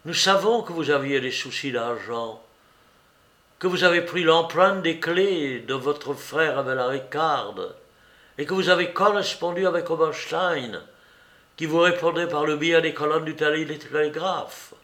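A man's voice: a little high, fairly bright tone, reverberant, pitched above the performer's own voice. A man reading a cool, commanding detective. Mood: accusing. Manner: measured, accusing, lecturing.

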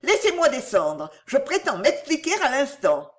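A woman's voice: big pitch swings, measured pace. Woman reading as Cécile, a frightened pleading young woman. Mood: distressed. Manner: high, urgent and pleading.

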